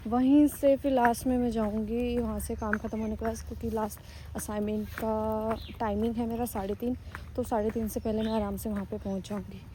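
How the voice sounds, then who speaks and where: A woman's voice: a little high, little pitch movement, brisk, warm tone, slight background noise, rough recording. A young woman explaining her plans in a matter-of-fact way while vlogging outdoors on her phone. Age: young adult. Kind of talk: walking vlog narration. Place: outdoors on a country road.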